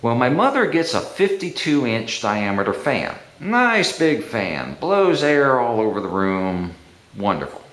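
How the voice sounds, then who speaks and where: A man casually telling a family story to the camera while showing a room under renovation, rambling and chuckling, and getting animated when he quotes people. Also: mid-range voice, a little slow, roomy sound. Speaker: homeowner documenting a room.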